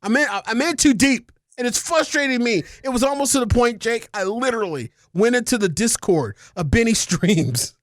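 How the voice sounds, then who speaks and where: Excitable ranting man on a podcast. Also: very high voice, normal speed, few pauses, no room sound, studio quality. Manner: excitable, ranting, swings from mumbling to shouting. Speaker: podcast co-host. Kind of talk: casual podcast chat.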